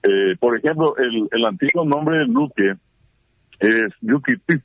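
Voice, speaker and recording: A man's voice: medium pitch, animated, a little slow, dry recording. A man as a radio interview guest, explaining at length with many fillers and restarts. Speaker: guest, Guarani scholar. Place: at home during heavy rain. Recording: tinny phone line.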